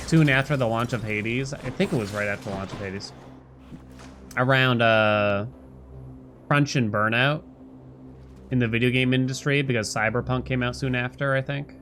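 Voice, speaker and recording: Slight background noise and loud video game music sit under a medium-pitched man's voice as he livestreams a game. Rambling and playful, he chats casually with viewers and bursts into nonsense sounds.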